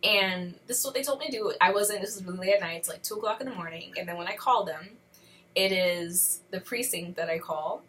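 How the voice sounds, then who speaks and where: A young adult woman vlogging, telling a story in a casual, animated, chatty way. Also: fairly low pitch, brisk, a little hiss or hum. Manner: animated, chatty, acts out dialogue.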